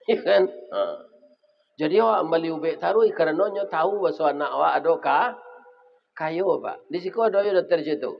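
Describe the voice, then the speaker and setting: Brief: male preacher, Minangkabau accent, lively storyteller with loud bursts, fairly high voice, dull lo-fi sound. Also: brisk, vocal fry, a little hiss or hum. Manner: animated storytelling with sudden loud exclamations. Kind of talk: humorous sermon. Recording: reverberant hall, dull lo-fi sound.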